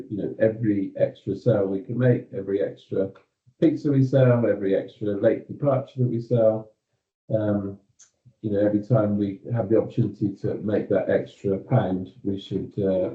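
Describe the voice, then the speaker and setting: A man's voice: lowish voice, fairly even intonation, reverberant. British man on a muffled video call. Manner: measured, with frequent ums and you-knows. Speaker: company executive. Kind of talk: staff meeting update.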